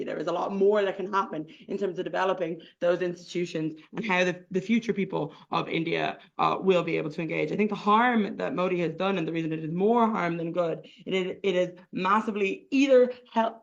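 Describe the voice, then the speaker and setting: A man's voice: high-pitched, creaky, muffled recording. A man with an Irish accent giving a competitive debate speech, informal and repetitive, with many fillers and restarts.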